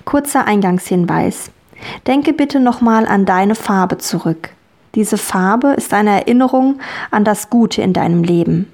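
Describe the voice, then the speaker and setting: A woman guiding children through a relaxing dream journey, speaking calmly and soothingly with gentle repetition. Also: mid-range voice. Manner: slow, calm, soothing and repetitive. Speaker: guided relaxation guide for children. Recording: soft music bed. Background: soft music.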